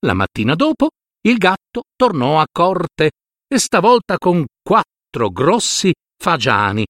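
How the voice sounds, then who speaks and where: A male storyteller reads a fairy tale aloud with lively, swooping pitch and a slightly raised voice. He slows down on key words for effect. The sound is close and dry, with no room behind it. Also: no room sound. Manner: expressive, with dramatic swings of pitch and slowed key words. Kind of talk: scripted fairy-tale narration.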